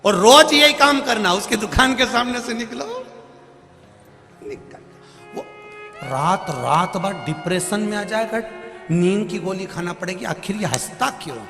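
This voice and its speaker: A male preacher giving an animated devotional sermon with stories, repeating phrases and swelling to loud calls. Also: high-pitched, measured pace, long pauses. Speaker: religious preacher. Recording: long hall reverb, faint music.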